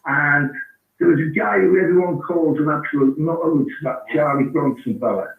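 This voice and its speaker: A man's voice: fairly high pitch, normal speed, vocal fry. A man telling blunt, slang-heavy stories in a casual call-in chat. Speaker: guest caller. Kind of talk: casual storytelling. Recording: echoey, distant, phone-like line.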